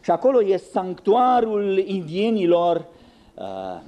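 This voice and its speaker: A man with a high-pitched voice preaches a sermon with drama and irony, his pitch swinging hugely as he acts out the voices he quotes and makes asides to the congregation. The highs in the recording are cut off.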